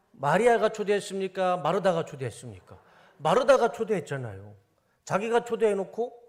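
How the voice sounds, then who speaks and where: A male pastor giving a sermon in a church, animated and often putting questions to the congregation. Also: sits high. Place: church sanctuary.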